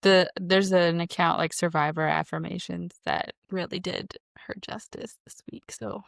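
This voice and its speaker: A woman's voice: on the low side, steady tone, measured pace, gravelly, no room sound, studio quality. A woman in her thirties co-hosting a podcast, chatting casually and giving blunt opinions. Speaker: podcast co-host. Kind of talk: casual chat.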